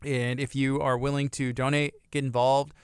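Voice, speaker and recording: A woman's voice: very deep voice, flat delivery, normal speed, smooth, dry recording, studio quality. A woman in her thirties with a Texan accent, hosting a local radio show in an easygoing, chatty way. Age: 30s. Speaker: radio host. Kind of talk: casual radio chat.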